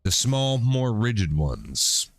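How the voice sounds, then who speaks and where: A man's voice: medium pitch, very animated, slow, no echo, studio quality. A middle-aged man chatting casually while streaming a game, rambling and swearing offhand. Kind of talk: casual chat while gaming.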